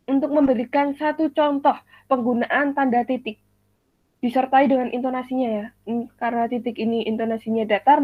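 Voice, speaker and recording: A woman's voice: high voice, no echo. A young woman teaching an online class as the teacher, explaining step by step and quizzing her students with examples. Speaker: teacher in a practice lesson. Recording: dry tinny call audio.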